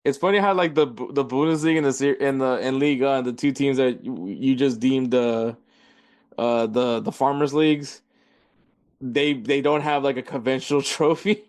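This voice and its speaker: A man hosts a casual football podcast at an ordinary, middle pitch. He rambles and corrects himself as he works through league standings and stats. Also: normal speed, darkish tone. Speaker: podcast host.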